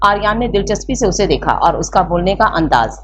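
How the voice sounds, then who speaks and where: A woman's voice: medium pitch, expressive, brisk, a bit bright, soft background music. Woman narrating a romance novel. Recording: slightly muffled with faint hiss.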